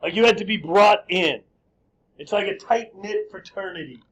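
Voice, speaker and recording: A male high school history teacher lecturing his class in a lively, joking way and quizzing students. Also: moderate pace, low-quality recording.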